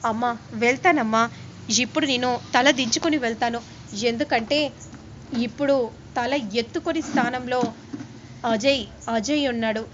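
A woman voicing a calm adult man who reassures and explains steadily. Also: a little high, normal speed, long pauses, slight background noise, lightly acted. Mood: resigned. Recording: dull lo-fi with faint ambience.

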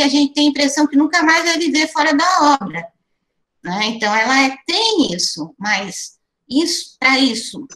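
Woman academic, reflective and questioning, slightly raised pitch, video call seminar. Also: fairly bright tone, roomy sound. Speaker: literature lecturer moderating an online seminar. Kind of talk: academic talk.

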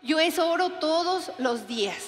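A woman's voice: sits high, lively intonation, normal speed, faint music behind. A woman in her forties with a Mexican accent, giving a chatty, joking sermon at a conference. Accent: Mexican Spanish. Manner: chatty, joking, acts out everyday dialogues. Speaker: conference speaker. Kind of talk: humorous sermon talk. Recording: echoey hall reverb.

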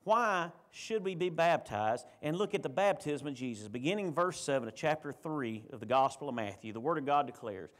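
High-voiced pastor preaching. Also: male voice, expressive, fairly quick, few pauses, a bit bright. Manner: conversational, with frequent restarts and repeated words. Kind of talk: sermon. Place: church.

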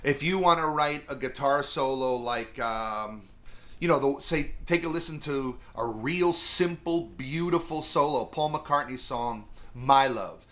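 Middle-aged guy rambling thru a guitar lesson, lots of ums, bright voice. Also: on the high side, unhurried. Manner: rambling, chatty, lots of fillers. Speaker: music teacher. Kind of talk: casual video guitar lesson.

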